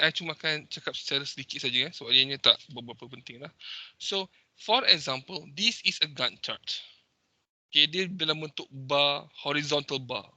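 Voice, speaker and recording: A man's voice: on the high side, pushed and bright, no room sound. A young man with a Malaysian accent, teaching a lesson over a video call and explaining each point step by step with many "okay"s. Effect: heard over a video call meeting recording. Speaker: instructor. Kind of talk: teaching over a shared screen, mixing English and Malay. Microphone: computer mic on a video call.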